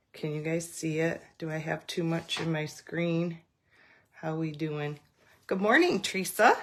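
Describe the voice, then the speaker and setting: A woman giving a live craft demonstration, chatty and rambling, greeting viewers by name as she goes. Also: deep voice. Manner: rambling with many fillers and restarts.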